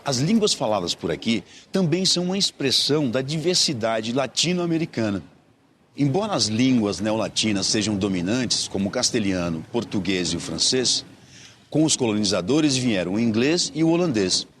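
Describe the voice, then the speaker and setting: A man narrating an educational documentary in a measured, scripted delivery. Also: medium pitch, expressive, a bit bright, slight background noise.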